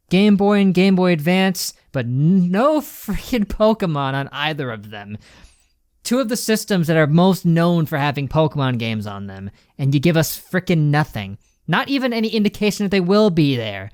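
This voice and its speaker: A man's voice: on the high side, no echo, studio quality. A man streaming a casual, ranting reaction commentary, with an emphatic, slangy way of talking. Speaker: streamer reacting to a game showcase.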